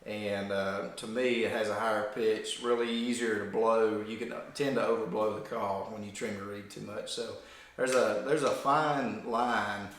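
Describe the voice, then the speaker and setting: A man's voice: on the low side, steady tone, moderate pace, fairly bright tone. A man giving an informal, folksy hands-on explanation as a demonstrator of hunting calls. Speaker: duck call demonstrator. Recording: very echoey room.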